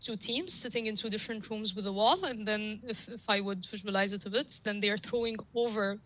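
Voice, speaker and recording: A woman whose first language is Arabic is a guest data scientist on a podcast interview, explaining her ideas through examples and phrases she repeats. Her voice is mid-range, fairly quick and sharp in tone, and the recording is low quality.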